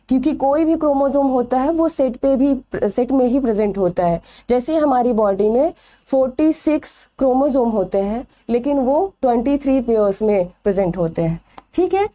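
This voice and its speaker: A woman's voice: high-pitched, warm tone. A woman teaching a biology exam-prep lecture. She asks questions and answers them herself, stretching out the key terms.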